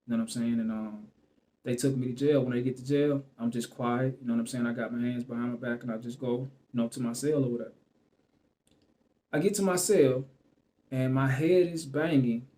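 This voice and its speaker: A man at an ordinary mid pitch talks straight to camera, telling a personal story in a casual, rambling way. He leans on fillers and restarts his sentences, and he trails off often. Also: a little mellow. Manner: loose and rambling, full of "you know what I'm saying" and fillers.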